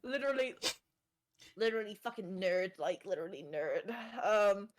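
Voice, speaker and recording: A woman's voice: medium pitch, lively intonation, moderate pace. A young woman co-hosting a podcast in casual chat, swearing freely and mimicking friends in exaggerated voices. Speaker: podcast co-host.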